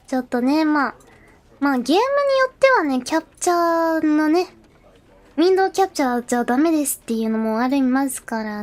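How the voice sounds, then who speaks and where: A woman streams as a VTuber, chatting casually and talking to herself with plenty of fillers as she sets up, then reading the game's narration aloud in translation. Her voice is high and a little mellow.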